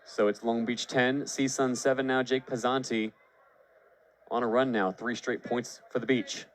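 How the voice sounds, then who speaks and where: A man with a mid-range voice and fairly flat pitch calls baseball and volleyball live on the radio at a normal speed, over a slight hiss or hum. As play-by-play announcer, he's fluent and descriptive and raises his voice on big plays.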